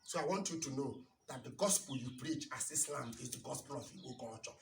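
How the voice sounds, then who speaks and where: A man giving an impassioned lecture-sermon, hammering rhetorical questions and swinging between loud bursts and low asides. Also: lively intonation, a little fast, slight background noise. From Nigeria. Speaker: lecturer on religion and culture. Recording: roomy, distant mic, faint birdsong behind.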